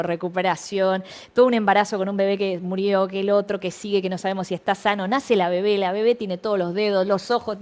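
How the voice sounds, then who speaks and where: A woman with a Rioplatense Spanish accent, speaking as a studio interview guest and telling stories full of questions. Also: mid-range voice. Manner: animated, storytelling with questions.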